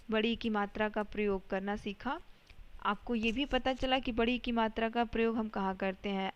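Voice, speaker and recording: A woman teacher giving a slow, patient lesson to young children, sounding out syllables and words one by one. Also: medium pitch, a bit bright, clear, resonant tone, dull audio.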